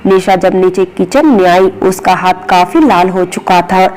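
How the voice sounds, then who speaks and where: A woman narrating a romantic story in a steady, even reading. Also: fairly low pitch, unhurried, poor audio.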